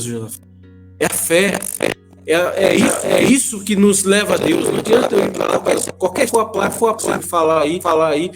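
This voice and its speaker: A man, calling into a live stream and giving a halting, repetitive, earnest testimony. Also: sits high, vocal fry. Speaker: caller from a congregation.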